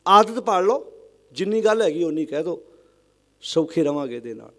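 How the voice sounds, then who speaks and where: A man preaching a sermon to a congregation, emphatic and questioning, calling on listeners to answer aloud and chanting scripture lines slowly. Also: fairly high pitch, sing-song, sharp tone. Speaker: Sikh religious preacher.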